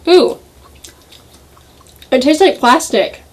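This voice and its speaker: A woman who is a guest on a casual taste-test vlog, chatting easily and giving quick opinions. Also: high voice, lively intonation.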